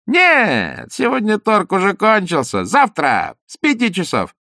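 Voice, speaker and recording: A fussy, elderly auction clerk answers in a thin, high, clipped voice that leaps about in pitch, as a male reader puts him on. The delivery is dry and close, with no room around it. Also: huge pitch swings, unhurried, sharp tone, no echo, full character voice. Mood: offhand. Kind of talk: audiobook character voice.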